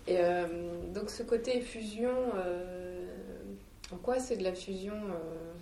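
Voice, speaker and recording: A woman interviewer poses halting questions, filling her pauses. Her tone is warm and mellow. She sits some distance from the mic in a roomy space with faint ambience behind her. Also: fairly low pitch, a little hiss or hum. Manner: hesitant questions with many fillers.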